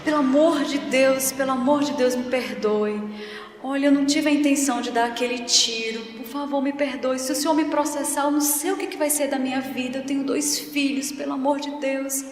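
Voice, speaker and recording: A man's voice: extremely high pitch, steady tone, a little hiss or hum. A woman doing a desperate, crying man begging. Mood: desperate pleading. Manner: pleading, tearful, rushed. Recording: echoey hall from far off, faint music.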